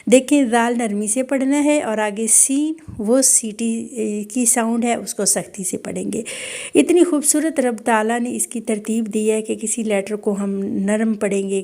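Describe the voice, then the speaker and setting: A woman teaching Quran recitation online, explaining each sound patiently and modelling words slowly again and again. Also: mid-range voice, dark tone. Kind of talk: online tajweed lesson.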